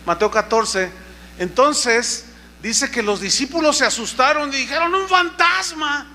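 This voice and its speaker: A man preaching a sermon, animated and questioning the congregation, acting out the voices he quotes. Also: very high voice, unhurried, a little hiss or hum. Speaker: pastor.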